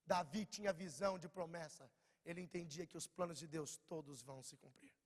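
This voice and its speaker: High-voiced Brazilian preacher in a hall. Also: male voice, brisk. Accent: Brazilian Portuguese. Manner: storytelling, swings between loud bursts and quiet low lines. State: slightly hoarse, has a cold. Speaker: preacher at a youth meeting. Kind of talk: sermon. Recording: long church-hall reverb.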